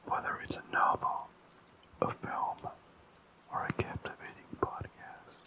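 An ASMR host rambling calmly in a fully unvoiced, slow and soothing whisper. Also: poor audio.

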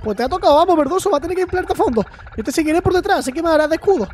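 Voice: very high voice, expressive, rapid-fire, a little mellow, a little hiss or hum, voice pushed up. Streamer doing a brash Andalusian robot. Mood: grumbling, bossy. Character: grumbling cheeky robot hauling a heavy pot.

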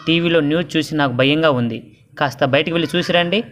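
A man voicing an anxious, scolding middle-aged mother in an audio story, pitching his voice up. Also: quick pace, a bit bright, a little hiss or hum, close to an everyday voice.

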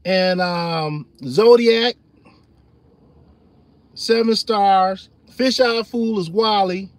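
A middle-aged man chatting casually on his livestream, animated and loose, laughing often and reading chat comments aloud. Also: high voice, extremely slow, no echo. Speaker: livestream host.

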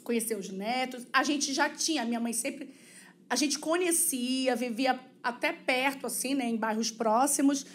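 Brazilian woman on a podcast, pretty high voice, earnest and emotional, acts out what people said. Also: normal speed, slight background noise. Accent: Brazilian Portuguese. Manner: acts out quoted dialogue. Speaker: podcast guest. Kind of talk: personal storytelling in a casual interview.

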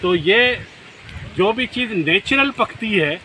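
A middle-aged man from Pakistan, chatting and explaining in a relaxed way for his farm vlog, recorded outdoors in a mango orchard on a nearby camera mic. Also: sits high, slow pace, rough recording. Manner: relaxed and explanatory, eating and sipping while talking. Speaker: vlogger host. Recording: outdoor background noise.

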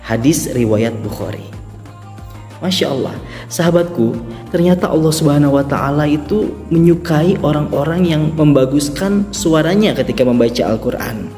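A man teaching Quran recitation in a relaxed spoken lesson, gentle and humble, with many hesitant fillers. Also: fairly high pitch, moderate pace, big-room sound, soft background music.

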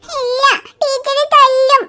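A woman's voice: very high voice, level tone, takes it slowly, sharp tone, slight background noise, exaggerated voice. A woman voicing a stubborn little girl in a cartoon who whines and half-cries as she refuses to go to school. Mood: tearful, stubborn. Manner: whiny, tearful pleading. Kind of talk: cartoon voice acting.

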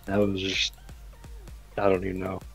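A man's voice: sits low, completely flat delivery, normal speed, faint music behind. A man chatting casually as a guest on a gaming stream, rambling with lots of fillers and laughing often. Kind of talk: casual chat.

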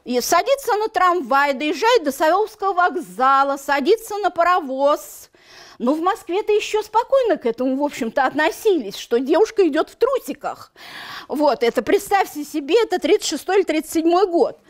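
A woman in her fifties telling a local history anecdote in an expressive way. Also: extremely high pitch, fairly quick. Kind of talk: storytelling to camera. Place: small museum room, indoors.

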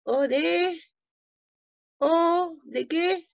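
A hoarse woman teaching young children in an online lesson, drawing out her words slowly and playfully. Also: very high-pitched, dry recording. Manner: slow, sing-song, drawn-out words for small children. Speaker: preschool teacher. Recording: dull, lo-fi home video audio.

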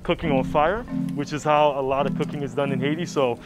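A man in his thirties, a chef, explaining his cooking in a relaxed way with many fillers. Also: fairly high pitch, brisk, over loud music. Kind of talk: documentary interview. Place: rooftop grill, outdoors.

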